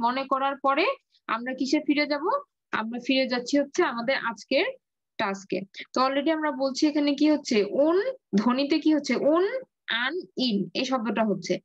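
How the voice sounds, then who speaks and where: A woman's voice: high voice, brisk, no room sound, highs cut off. A woman teacher with a Bangladeshi Bengali accent giving an online grammar lesson, patiently repeating key words and answering her own questions. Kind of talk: online class lecture.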